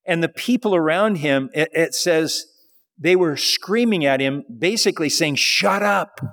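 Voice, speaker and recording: A man's voice: a little high, animated, normal speed, a bit bright, long reverb tail. A male pastor preaching a sermon in a conversational style, with rhetorical questions.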